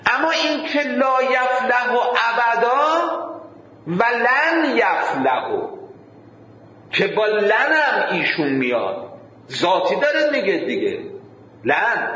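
High-voiced preacher in an echoing hall. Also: male voice, pushed and bright, slight background noise. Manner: draws out key words slowly, recites Arabic verses. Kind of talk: sermon with storytelling. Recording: very echoey hall, muffled sound.

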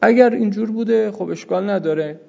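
A male seminary teacher explains a point of law step by step, raising questions and answering them himself. His voice sits high and has a gravelly edge. The recording is dull and lo-fi, with a long reverb trailing behind him. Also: dark tone. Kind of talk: jurisprudence lecture.

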